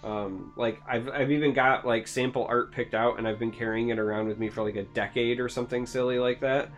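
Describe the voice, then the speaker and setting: A man's voice: medium pitch, fairly even intonation, a little fast, faint music behind. Wry, self-deprecating American man. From Michigan, United States. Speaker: co-host. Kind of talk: casual chat.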